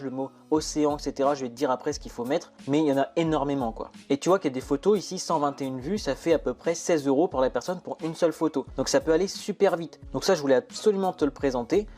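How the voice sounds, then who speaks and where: A man's voice: a little high, darkish tone. A young man talking the viewer through a screen-recorded online tutorial, chatty and informal. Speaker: online money-making tutorial host. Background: faint background music.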